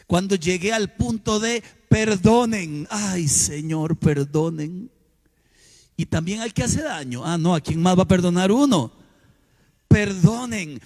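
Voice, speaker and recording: A middle-aged man preaching a sermon, telling personal stories and swinging between loud exclamations and hushed asides. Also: high-pitched. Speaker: pastor.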